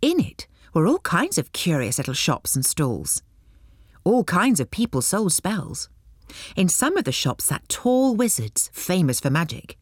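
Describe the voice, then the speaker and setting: A woman reading a children's storybook aloud in an expressive storytelling style. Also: fairly low pitch, unhurried, breathy edge, dry recording, clean studio sound. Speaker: narrator.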